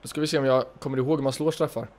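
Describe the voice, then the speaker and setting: A gaming YouTuber with a Swedish accent and medium-pitched voice commentates his own football video game match. He shouts encouragement at his players and breaks into excited bursts.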